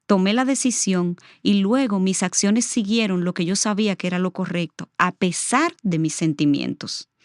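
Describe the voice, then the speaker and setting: A woman's voice: medium pitch, normal speed, few pauses, dry recording, clean studio sound. A middle-aged woman, a guest on the show, telling a personal testimony in an earnest, reflective way. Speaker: interview guest.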